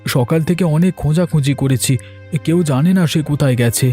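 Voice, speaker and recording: A man voices an anxious, guilt-ridden village man in a fairy tale cartoon, sounding worried and regretful. His warm voice is on the high side, a little fast and close to an everyday tone, turning agitated and stammering when alarmed over background music.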